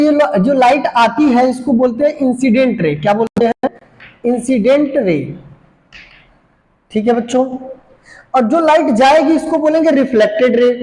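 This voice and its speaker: A man's voice: extremely high pitch, a little mellow, reverberant, poor audio. A man teaching a physics lesson to children, asking questions and answering them himself, mixing English terms into his Hindi speech. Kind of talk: classroom lecture to children. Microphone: camera.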